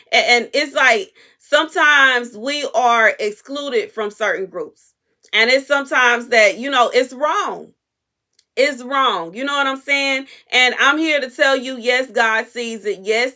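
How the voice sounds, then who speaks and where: A woman's voice: a little high, pushed and bright. A woman sharing a prophetic message with viewers in casual, emphatic talk, often repeating herself for stress. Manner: informal, repetitive, emphatic straight talk. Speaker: prophetic content creator.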